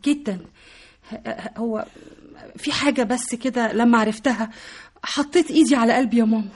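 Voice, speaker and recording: A woman's voice: a little high, brisk, darkish tone, slightly rough. An actress with an Egyptian accent playing an earnest young woman in a radio drama, a devoted daughter and student reassuring her mother. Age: young adult.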